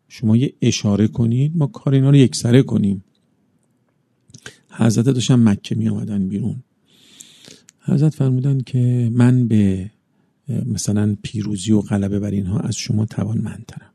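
A man preaching a religious sermon, speaking in measured phrases that build into emphatic bursts, recited passages. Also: lowish voice, vocal fry, warm tone, breathy edge, no echo, studio quality.

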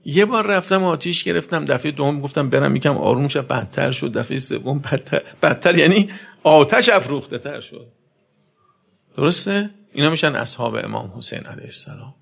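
A man preaching a sermon, swinging between loud emphatic outbursts and soft low passages, and asking his listeners questions directly. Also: lively intonation, creaky, breathy edge. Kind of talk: religious sermon.

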